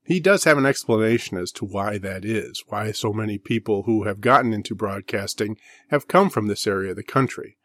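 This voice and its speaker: A man with an Inland North American accent giving a scripted book review, measured and slowing down to sound out example words. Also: fairly low pitch, fairly bright tone, dry recording.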